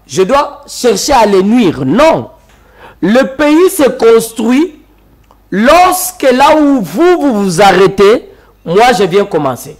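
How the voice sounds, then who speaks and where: A man from the DR Congo with a Congolese French accent, arguing his point as a guest in a televised political debate and repeating phrases for emphasis. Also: sits high.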